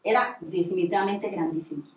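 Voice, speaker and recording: A woman's voice: lowish voice, brisk. Earnest woman telling a testimony. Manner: earnest storytelling with many repetitions. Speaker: radio guest giving a testimony. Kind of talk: religious testimony. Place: radio studio. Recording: echoey room, distant mic.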